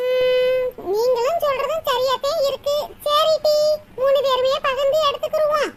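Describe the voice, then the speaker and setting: A woman's voice: very high voice, fairly even intonation, moderate pace. A woman voicing a grumbling elderly village grandmother in a cartoon comedy, scolding and full of self-pity. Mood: gossiping. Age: older. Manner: scolding, self-pitying complaints. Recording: loud background hiss.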